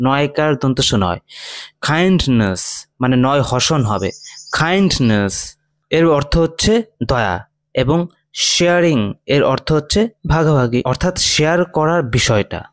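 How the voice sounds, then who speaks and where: A man's voice: fairly high pitch, expressive, no room sound. Male Bengali English tutor, dry sound. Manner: reads English phrases slowly, then explains in Bengali; often checks in with "ঠিক আছে?". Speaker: English teacher. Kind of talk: slow line-by-line English reading lesson.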